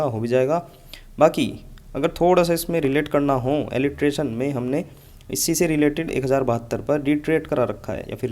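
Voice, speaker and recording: A man's voice: mid-range voice, a little mellow. Man teaching vocabulary patiently. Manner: explains patiently, repeats mnemonics, says "ठीक है" often. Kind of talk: exam-prep lesson with mnemonics.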